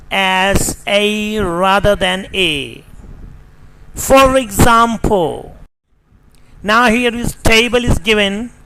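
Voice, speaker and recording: Casting: male English teacher with a Pakistani accent, higher voice, very slow and deliberate delivery, noisy recording. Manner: slow and deliberate, spells words letter by letter. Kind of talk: scripted pronunciation lesson.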